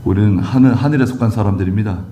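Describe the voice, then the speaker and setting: A man's voice: lowish voice, racing, dark tone, slight background noise. A male Korean pastor preaching a sermon, moving from chatty personal asides to emphatic exhortation of the congregation. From South Korea. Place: church sanctuary.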